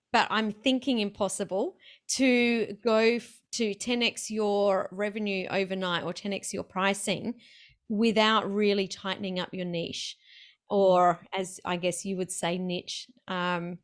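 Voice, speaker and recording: A woman hosting a casual interview, chatty and excited, laughing easily as she talks. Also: mid-range voice, unhurried. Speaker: podcast host.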